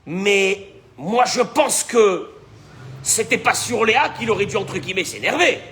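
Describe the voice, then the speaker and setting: There's a little hiss or hum on this recording of a man whose voice sits high and unhurried. A rabbi giving a Torah class on the weekly portion, he animates the dialogue, repeats himself, and keeps asking his audience questions.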